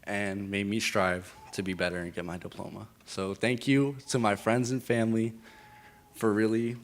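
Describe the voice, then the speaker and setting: A man's voice: fairly low pitch, fairly even intonation, normal speed. A young man graduating, giving a short, plain and sincere thank-you speech.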